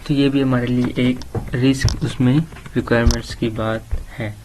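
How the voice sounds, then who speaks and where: A man from Pakistan tutoring an online course, reading English slide lines slowly and then explaining them in casual talk. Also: mid-range voice, steady tone, darkish tone, a little hiss or hum, poor audio.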